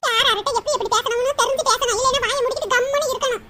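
A cranky old village granny from a cartoon, voiced very high and squeaky by a woman, who scolds fast and throws insults at anyone who crosses her. Her speech races along, with a steady noisy hiss behind it. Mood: lecturing. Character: cranky old village grandmother, quick-tempered. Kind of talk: cartoon voice acting.

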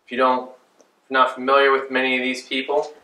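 Conversational pastor preaching in an echoey church. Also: male voice, medium pitch, fast talker. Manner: conversational, animated with hand gestures. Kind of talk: sermon. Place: small church sanctuary, behind a pulpit. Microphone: far camera. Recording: roomy church echo, mic at a distance.

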